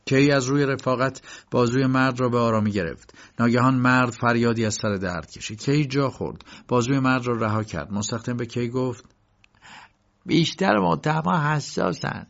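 A man narrating an audiobook in a measured storytelling manner. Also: medium pitch. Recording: dull lo-fi recording.

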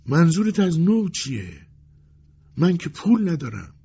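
A timid, hesitant clerk pleads in a raised, thin voice as a male narrator puts him on. The tone is gravelly and husky. The recording is dull and lo-fi. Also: fairly high pitch, big pitch swings, a little mellow, voice pushed up, exaggerated voice. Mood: pleading. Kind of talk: audiobook character voice.

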